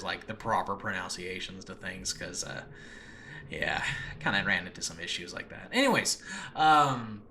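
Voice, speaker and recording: A man's bright, forceful, medium-pitched voice carries a noisy makeshift home recording from a room in his new home. He's the creator and host of an unscripted podcast about his own audio drama, talking casually in a rambling, earnest, self-deprecating manner.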